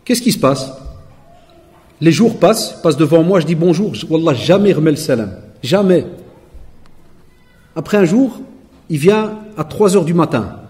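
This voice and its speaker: A man's voice: fairly high pitch, expressive, normal speed, long pauses, a little mellow. A Belgian man in his forties giving a sermon to a live audience, telling stories and acting out the lines of other people, joking with the crowd. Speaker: preacher. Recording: echoey hall recording.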